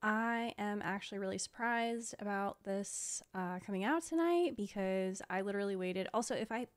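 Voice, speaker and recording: A tired young woman with a slight lisp streams her reactions to game trailers from a small room at home, speaking casually into a close desk microphone with a headset. Her medium-pitched voice is clear and resonant, and she talks at a normal speed.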